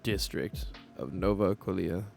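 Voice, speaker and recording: At a normal speed, a gravelly low-voiced man talks his way through a Minecraft build, musing aloud, rambling, and echoing his own words. He keeps hiccuping and burping while soft music plays in the background.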